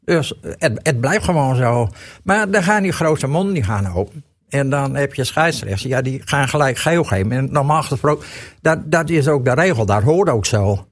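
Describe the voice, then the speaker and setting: A man's voice: mid-range voice, lively intonation, moderate pace, no room sound, clean studio sound. A retired man in his sixties, an amateur football referee, chatting as a guest and stumbling over repeated words. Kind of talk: casual radio chat.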